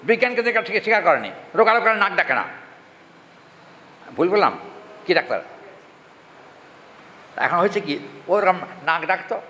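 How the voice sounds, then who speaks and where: A man giving a devotional scripture talk, chanting Sanskrit verses slowly and often asking his listeners questions. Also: sits high, pushed and bright. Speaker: religious reader and preacher. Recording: hall reverb, faint ambient noise.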